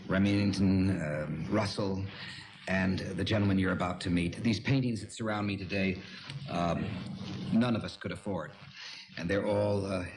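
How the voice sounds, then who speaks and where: A man hosting a television talk show, jovial and teasing, with frequent filler pauses. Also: fairly low pitch, noisy background.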